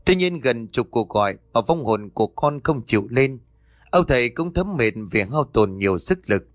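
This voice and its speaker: A man's voice: medium pitch, normal speed, no echo, clean studio sound. Man narrating a horror audiobook. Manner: steady storytelling, voices each character.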